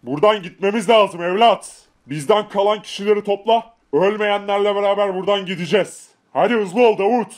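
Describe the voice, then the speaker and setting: A man voicing a calm older gang boss who gives slow, soothing orders in a game-video drama. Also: high voice, close to an everyday voice. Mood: calm commanding.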